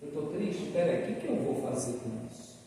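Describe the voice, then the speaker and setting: High-voiced man lecturing in an echoey hall. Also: a little fast. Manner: animated, asks the audience questions; acts out short dialogues. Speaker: spiritist lecturer. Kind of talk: spiritual lecture. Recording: echoey hall, distant mic, faint ambience.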